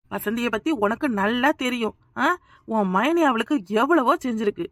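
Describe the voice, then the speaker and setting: Woman voicing a scolding village woman, sarcastic and blunt, high voice, dry close sound, cartoon. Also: fairly bright tone, no room sound. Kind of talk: cartoon voice acting.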